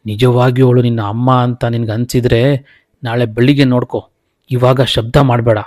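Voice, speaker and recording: A man voicing a stern, protective village father who speaks firmly and in a hush. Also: mid-range voice, steady tone, measured pace, lightly acted. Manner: firm, hushed, commanding.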